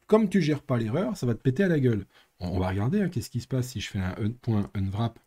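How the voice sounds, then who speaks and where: A man's voice: mid-range voice, mellow, slightly rough. A man streaming live coding, thinking aloud and muttering with playful sound effects. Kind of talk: casual live coding commentary.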